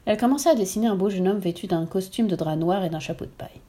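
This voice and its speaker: A woman narrating a children's tale with lively, expressive reading. Her voice is mellow and darker in tone, at a middle pitch. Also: fast talker. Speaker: storyteller. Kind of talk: reading a children's story aloud.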